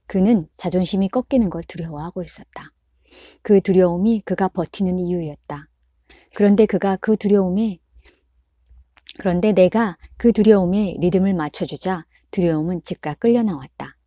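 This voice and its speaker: Woman audiobook reader, mellow and dry, calm measured delivery. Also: lowish voice, no room sound. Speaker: book reader. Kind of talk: audiobook narration.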